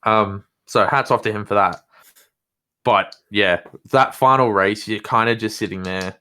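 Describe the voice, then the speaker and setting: Male interview guest, fairly low pitch, informal and talkative. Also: measured pace, bright, forceful tone, clear, resonant tone. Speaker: championship-winning sim racer, interview guest. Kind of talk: casual interview recap.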